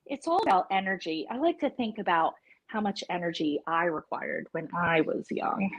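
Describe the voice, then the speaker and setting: A woman's voice: fairly low pitch, lively intonation, normal speed, poor audio. A woman chef teaching a live virtual cooking class over a video call, chatty and playful in her instructions.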